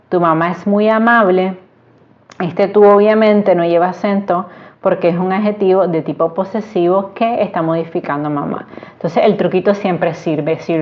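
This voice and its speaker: A woman from Latin America gives a grammar lesson at a steady middle pitch, slowing down to stress each example sentence. The sound is a little dull and lo-fi. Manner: explains slowly with example sentences, stresses quoted phrases. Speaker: Spanish teacher.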